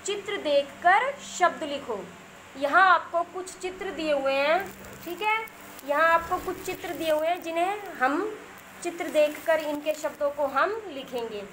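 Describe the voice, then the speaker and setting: A woman teaching young children a primary school lesson, spelling each word slowly sound by sound, asking questions and repeating the answers. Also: high-pitched, fairly bright tone, a little hiss or hum.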